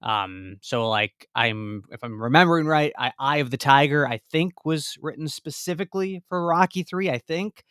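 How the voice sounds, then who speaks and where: A man's voice: a little high, moderate pace, hardly any pauses, a bit bright, clean tone, no echo, studio quality. A man co-hosting a podcast in casual discussion, thinking aloud in a tentative way. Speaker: podcast co-host and guest.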